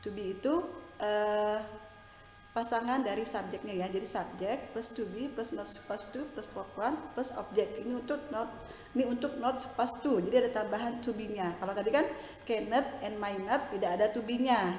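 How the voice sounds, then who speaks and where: A woman teaching English with an Indonesian accent, explaining patiently and slowly in a mix of English and Indonesian. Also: medium pitch, a little mellow, reverberant, long reverb tail, a little hiss or hum, rough recording. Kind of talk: bilingual classroom lesson.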